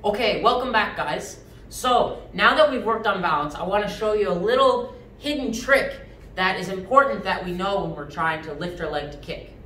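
A young man teaching a children's karate class, giving sharp, clipped martial arts commands. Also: high voice, moderate pace, soft background music. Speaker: karate instructor. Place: mid-sized indoor karate studio with matted floor. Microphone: distant camera. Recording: roomy, distant microphone, background noise.

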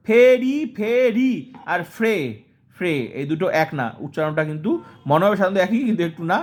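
A man teaching an exam-prep lesson in a high voice, drilling terms by repetition. He fires off questions and answers them himself at a fast clip, repeating each term again and again.

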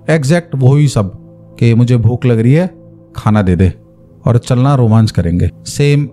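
Mellow man telling a horror story. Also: medium pitch. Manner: conversational, explains terms with asides. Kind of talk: casual spoken storytelling.

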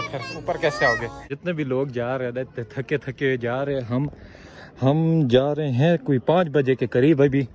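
A young man from Pakistan filming a casual travel vlog on a phone held at arm's length, chatting excitably outdoors on a trail and by a waterfall. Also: medium pitch. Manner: chatty, excitable, often laughing. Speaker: vlogger.

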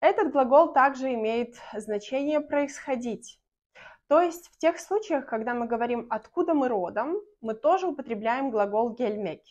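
A young woman from Belarus explains a language lesson straight to the camera. Her slightly high voice stays clear and patient. She talks from close range in a small indoor room. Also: expressive, darkish tone, dull audio. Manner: clear, patient, slows down to model example sentences. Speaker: Turkish language teacher.

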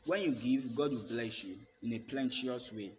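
A young man, a pastor, preaching a sermon to his phone camera in a bare room, with emphatic, repeated declarations. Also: mid-range voice. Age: young adult. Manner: emphatic, repetitive declarations, slow deliberate delivery. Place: bare indoor room with plain walls. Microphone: phone held at arm's length. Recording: phone recording with long reverb and faint room noise.

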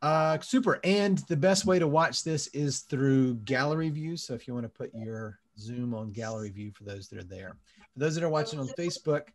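A man hosting a live online comedy show, speaking in a relaxed way with many fillers, over a video call. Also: medium pitch, moderate pace. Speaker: host.

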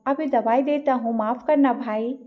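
A man's voice: very high-pitched, steady tone, normal speed. A woman voicing a grumbling male shopkeeper. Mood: meek. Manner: grumbling, pleading excuses. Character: nervous middle-aged male shopkeeper, grumbling then meek. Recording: dull lo-fi recording.

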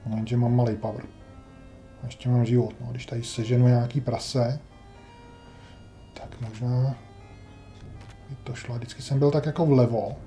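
Male let's-player, deep mellow tone, dry grumbling self-talk, light music underneath. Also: level tone, long pauses. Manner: wry, grumbling, talks to himself while playing. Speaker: gameplay commentator. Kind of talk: casual let's-play commentary.

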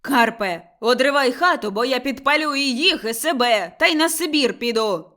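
A woman voicing a furious, quarrelsome young village wife who shouts shrilly. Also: high voice, animated, normal speed, pitched above the performer's own voice. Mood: furious shouting.

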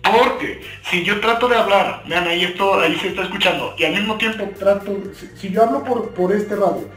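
This young adult man hosts a YouTube explainer, giving an informal, earnest tutorial on two-way radios and often repeating or rephrasing his points. His voice is high, fairly quick and sharp. He sits at a table in a small, bare indoor room, and the echoey recording has a distant mic and faint music.

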